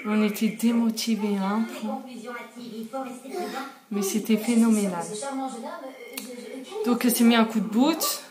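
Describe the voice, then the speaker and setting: A woman's voice: medium pitch, slow pace, pauses often, a crowd in the background. A young woman telling a story in a casual vlog, chatty, with many fillers and frequent laughs. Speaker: vlogger.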